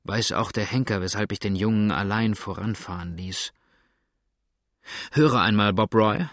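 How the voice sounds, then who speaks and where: A man reading an old, kindly traveller in an audiobook, speaking calmly and reassuringly. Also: lowish voice, normal speed, dry recording, clean studio sound, natural voice. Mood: grave. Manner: calm and reassuring.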